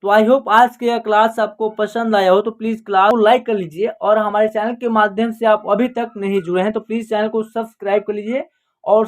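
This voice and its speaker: A teacher giving an online Hindi reading lesson for beginners, spelling words out letter by letter and then saying each whole word slowly and drawn out. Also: mid-range voice. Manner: patient, repeats each sentence in pieces.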